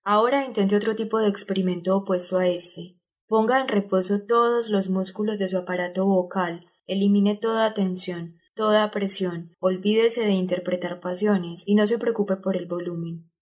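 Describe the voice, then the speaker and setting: A woman's voice: medium pitch, fairly even intonation, moderate pace, darkish tone, breathy edge, natural voice. A woman reading the part of an exacting older male acting teacher in an audiobook, explaining step by step in a didactic manner. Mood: instructive.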